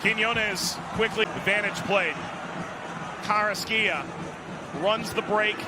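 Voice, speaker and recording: A man's voice: high voice, fairly even intonation, slow. A man doing live soccer play-by-play, calling players' names in clipped phrases. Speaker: play-by-play commentator. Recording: loud stadium noise behind commentary. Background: noisy stadium ambience.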